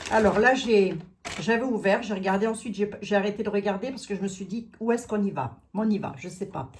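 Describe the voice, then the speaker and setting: A woman's voice: mid-range voice, a little mellow, slight background noise. A middle-aged woman chatting casually to her viewers as she unboxes gifts, thinking aloud with many fillers and repeated words. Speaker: psychic channel host opening gifts.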